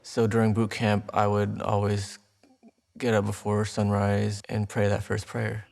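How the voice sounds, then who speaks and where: A man's voice: lowish voice, completely flat delivery, unhurried, gravelly, a little mellow. A man in his twenties from Texas, a Navy veteran, speaking earnestly in a documentary interview with small restarts. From Texas, United States.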